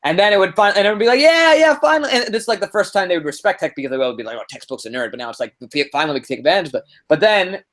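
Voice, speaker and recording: Fast, excitable man. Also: fairly high pitch. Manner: excitable, acts out quotes. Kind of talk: casual podcast chat.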